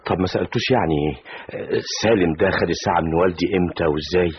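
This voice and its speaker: An actor playing a young Egyptian engineer with an Egyptian accent, pressing emotionally for answers, in an old radio drama. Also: male voice, sits low, racing, slightly rough. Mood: agitated. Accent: Egyptian Arabic. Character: young male Egyptian engineer, eager and restless. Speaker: engineer searching for his father. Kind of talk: 1970s radio drama acting. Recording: hissy dull old radio recording.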